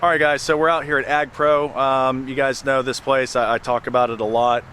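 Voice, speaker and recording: A man at a mid pitch talks straight into a handheld camera, blunt and emphatic, circling back over the same phrases as he goes. There is a faint hum of noise behind him. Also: little pitch movement, fairly quick, sharp tone. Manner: plain-spoken, emphatic, repeats phrases. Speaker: landscaping business owner. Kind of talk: casual vlog talk to camera.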